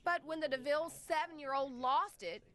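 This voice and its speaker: A woman reporting a local news story in measured narration. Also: high voice, a bit bright.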